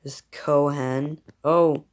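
A man's voice: a little high, fairly even intonation, drawn-out words. A man giving casual gameplay commentary, talking to himself in a grumbling, sarcastic way. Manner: grumbling, sarcastic self-talk. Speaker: gamer.

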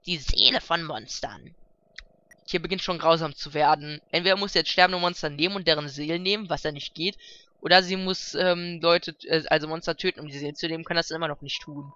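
A man's voice: fairly high pitch, fairly even intonation, fast talker, sharp tone, clear, resonant tone. A young man hosting a Let's Play, chatty and playful, commenting casually and translating game text as he goes. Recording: dull, faintly noisy home mic.

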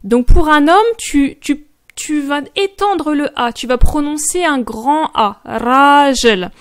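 A woman teaching Moroccan Arabic pronunciation, saying each word slowly and repeating it, and speaking to the viewer in a friendly, informal way. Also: high-pitched. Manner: slow, careful drilling of words with repeated examples. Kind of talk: pronunciation lesson addressed to the viewer.

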